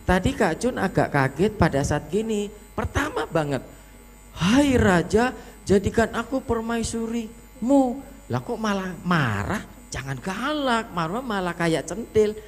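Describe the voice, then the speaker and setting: A man judging a children's storytelling contest, giving animated, affectionate feedback and acting out lines to show how they should sound. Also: on the high side. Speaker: competition judge. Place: school storytelling competition venue.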